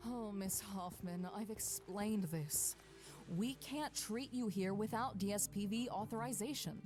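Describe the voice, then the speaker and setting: An actress playing a firm, exasperated clinic worker in a video game, officious and curt. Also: female voice, mid-range voice, a little slow, over music, lightly acted.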